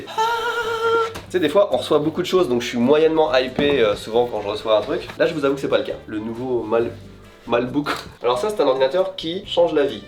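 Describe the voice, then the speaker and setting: Brief: playful male vlogger, mid-pitched, roomy echo, faint music underneath. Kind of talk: casual chat.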